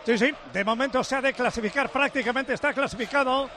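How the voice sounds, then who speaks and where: A man with a Spanish accent from Spain commentating live football, shouting breakneck goal calls. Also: very high voice, fast talker. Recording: noisy stadium crowd behind the voice.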